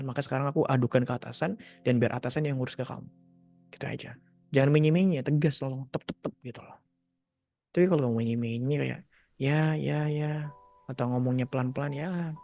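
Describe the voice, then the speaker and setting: A man's voice: medium pitch, darkish tone. Man giving casual direct advice. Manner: casual, direct advice-giving, mock voices when quoting. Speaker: Islamic youth mentor answering questions. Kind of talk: live Q&A session, reading viewer questions.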